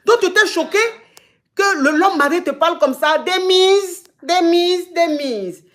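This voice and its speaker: A woman with a high voice and an Ivorian French accent hosts a live call-in advice show. She retells the caller's story back to her in a casual, repetitive way, often restating the same phrase. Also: measured pace.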